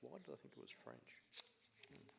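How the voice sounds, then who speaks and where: A man acting as returning officer in a council meeting, reading out ballots in a measured, apologetic way. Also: heavy background noise. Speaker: returning officer counting votes. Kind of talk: formal council meeting procedure. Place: council chamber.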